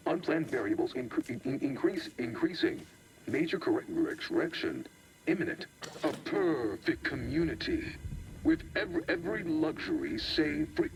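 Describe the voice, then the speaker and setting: Gravelly glitching machine. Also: male voice, fairly high pitch, heavily acted, low-quality recording. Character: breaking-down male machine reciting slogans. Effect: glitching, stuttering voice that skips and repeats syllables.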